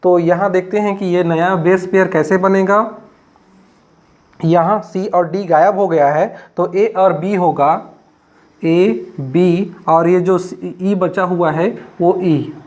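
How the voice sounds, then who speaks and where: A man's voice: high-pitched, fairly even intonation, slow, darkish tone, lo-fi sound. A man from Chhattisgarh teaching a biology class, explaining step by step and repeating himself often, with many fillers. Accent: Chhattisgarh Hindi. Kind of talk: classroom lecture.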